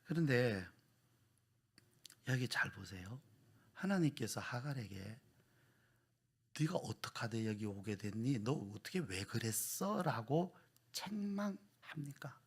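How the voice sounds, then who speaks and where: A man preaching a Sunday sermon as pastor, swinging between loud fervent exhortation and hushed whispers. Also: on the low side, expressive, unhurried, vocal fry, long pauses, husky. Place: church sanctuary.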